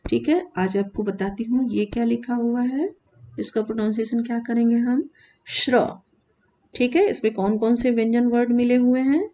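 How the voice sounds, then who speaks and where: A woman teacher explaining letters in a classroom lesson, asking the children questions and answering them herself, drawing sounds out slowly to demonstrate them. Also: a little high, dark tone, a little hiss or hum. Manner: slow, drawn-out demonstration of sounds; addresses children, asks and answers own questions. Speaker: Sanskrit teacher.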